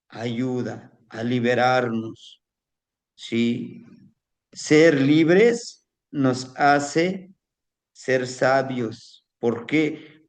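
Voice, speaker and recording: A man's voice: mid-range voice, darkish tone. A man telling a folk tale and drawing its moral, often checking in with "¿sí?" and "¿no?". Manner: unhurried, asks listeners "¿sí?" and "¿no?". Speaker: storyteller.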